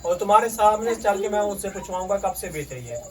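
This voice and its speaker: A middle-aged man with a hoarse voice, chatting as he hosts a family cooking vlog at home. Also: sits high, lively intonation, quick pace, rough recording. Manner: warm greetings, chatty and teasing. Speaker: vlog host. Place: home kitchen.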